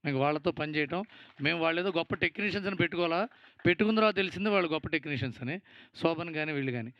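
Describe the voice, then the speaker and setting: Man with a telugu accent giving a producer speech, a bit high pitched, rambly and jokey, dry dull mic. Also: very fast, no room sound. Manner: rambling, thankful, teasing. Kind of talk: event speech. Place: event stage.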